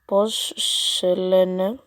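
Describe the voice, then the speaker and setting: A woman's voice: on the low side, flat delivery, no room sound. A female gaming channel host chatting casually and reading out a chatbot's replies, with playful, teasing, exasperated asides.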